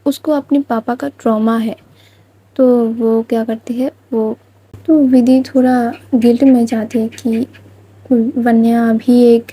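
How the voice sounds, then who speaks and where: A woman's voice: on the high side, mellow, breathy edge, dry recording, low-quality recording. A woman narrating a love story in a plain, rambling retelling style.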